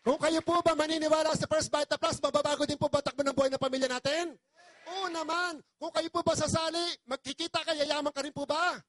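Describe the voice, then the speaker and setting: A man's voice: very high voice, steady tone, a little fast, a bit bright, no echo. A man from the Philippines giving an impassioned, pleading testimonial to an audience as a business presenter, very polite and emotional.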